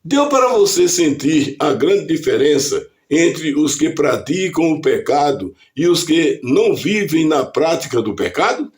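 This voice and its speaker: A man with a Brazilian accent delivering a scripted devotional reflection as a preacher, reading scripture aloud in a deliberate, measured way. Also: fairly high pitch, sing-song. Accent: Brazilian Portuguese.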